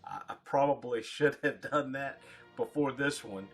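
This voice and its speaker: A man giving a casual, rambling product review in short, halting phrases, as a reviewer talking to his viewers. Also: mid-range voice, breathy edge, soft background music. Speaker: pipe tobacco reviewer.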